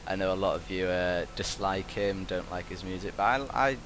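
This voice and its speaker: A young man with a British accent and a low voice rambles casually through a commentary. He speaks hesitantly and meanders from thought to thought on a headset mic, with a steady buzz and hiss behind him. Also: normal speed. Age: young adult. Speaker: gaming video commentator, university student. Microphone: gaming headset. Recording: constant buzzing, hissy background noise. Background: constant buzz and hiss.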